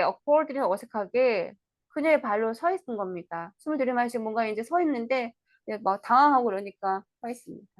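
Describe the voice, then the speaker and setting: Woman, Korean online tutor, fairly high voice, dry close mic, slow English lines, asks questions. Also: no room sound. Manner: reads English lines slowly, then explains in Korean. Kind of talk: online lecture explaining an English play.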